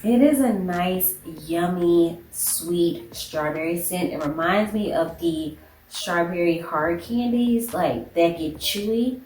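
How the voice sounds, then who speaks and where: Woman vlogger, lowish voice, stuffy nose, rambling casual haul chat; echoey room, faint noise. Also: slow pace, darkish tone, soft background music. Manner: chatty, rambling, lots of "like". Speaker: beauty and shopping vlogger.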